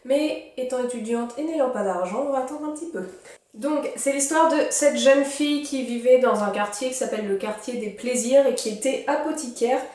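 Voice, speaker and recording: A woman's voice: high voice, normal speed, a little mellow. Chatty young woman in an echoey room. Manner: chatty, rambling, many fillers. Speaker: book vlogger. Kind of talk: casual book haul chat.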